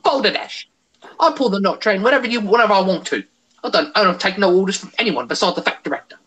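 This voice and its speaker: A brash, boastful young engine voice, high and bouncing, as a man puts it on during a voice chat. He snaps out lines with defiant swagger. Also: lively intonation, fast talker, fairly bright tone, slightly rough, exaggerated voice, rough recording. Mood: cocky.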